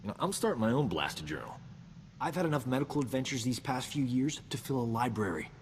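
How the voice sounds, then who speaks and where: A man's voice: medium pitch, expressive, quick pace, big-room sound, slight background noise, close to an everyday voice. An actor playing a boastful, roguish male doctor in a video game, talking in a cocky, flippant, self-important way. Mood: indignant. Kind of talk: video game character dialogue.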